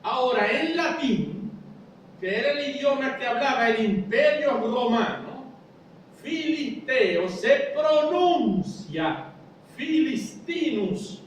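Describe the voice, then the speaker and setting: Male pastor, high voice, sermon style, heavy church-hall echo, off-mic. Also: lively intonation, slow, recorded from a distance, a little hiss or hum. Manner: explanatory preaching, rhetorical questions, addresses listeners as brother.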